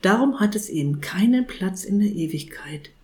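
A woman's voice: mid-range voice, animated, mellow, lightly acted. Woman doing a dreamy old saint. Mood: solemn. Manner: slow, solemn, pondering, kindly. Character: dreamy, gentle old male saint, unworldly.

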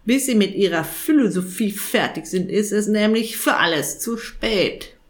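A croaking, rasping male raven grumbles bluntly and impatiently in this storybook reading, put on by a woman. He talks slowly and colloquially, sounding skeptical of everything. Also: mid-range voice, expressive, lightly acted.

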